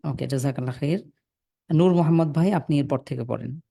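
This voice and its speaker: A man teaching Quran reading over a video call, patiently but firmly correcting students and spelling letters slowly. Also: on the high side, vocal fry, dark tone, no room sound, studio quality. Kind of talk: online class, correcting students.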